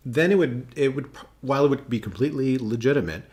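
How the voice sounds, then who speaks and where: A medium-pitched, slightly mellow voice moves at a quick pace as a political analyst hosts an election livestream. He keeps it casual, thinking aloud with many fillers and answering viewers as they chime in.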